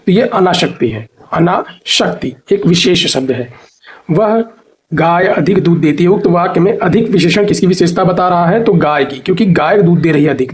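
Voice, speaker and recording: A high-pitched man runs an exam preparation lesson, reading out lists of words and definitions. He repeats each answer and walks through the spelling of tricky words. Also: darkish tone. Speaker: Hindi teacher.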